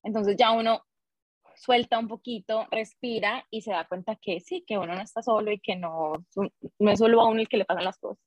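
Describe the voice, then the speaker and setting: A woman's voice: medium pitch, a little fast, no room sound. Friendly woman explaining, dry sound. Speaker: podcast co-host. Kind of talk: casual podcast chat.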